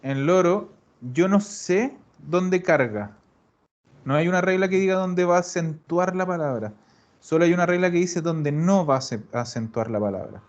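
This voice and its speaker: A man's voice: sits high, normal speed, muffled recording. A man teaching an online language class, explaining patiently and often checking that students follow. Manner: patient, repeats and checks understanding with "¿ya?". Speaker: Italian teacher.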